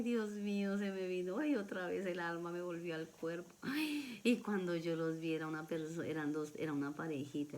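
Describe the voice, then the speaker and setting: A woman's voice: low voice, darkish tone, slight background noise. A Colombian woman telling her own life story to camera, earnest and emotional, often repeating her phrases. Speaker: vlogger.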